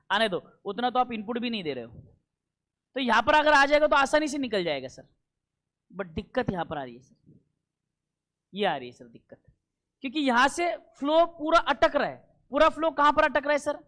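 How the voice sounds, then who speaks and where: A man teaching a classroom lecture, emphatic and repetitive, often checking that students follow and slowing down for key English terms. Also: extremely high pitch, lively intonation, bright, forceful tone. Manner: emphatic, repeats points and keeps checking understanding.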